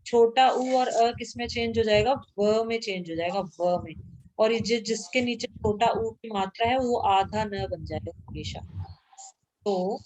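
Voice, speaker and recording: A woman's voice: medium pitch, a little mellow, slight background noise. Patient woman teaching grammar. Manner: patient, repeats sounds aloud to drill them. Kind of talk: classroom grammar lesson.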